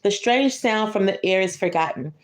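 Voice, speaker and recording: With an animated, medium-pitched voice at normal speed, a woman reads a bedtime story to a child in a reverberant space. She interrupts the text for relaxed explanations of the pictures and friendly comments to the little one.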